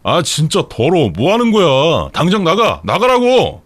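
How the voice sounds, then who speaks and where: A man voicing a hot-tempered, contemptuous young husband who snaps and yells, in a story read for radio. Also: low voice, very animated, normal speed, breathy edge, no echo, exaggerated voice. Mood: angry yelling. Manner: snapping, yelling.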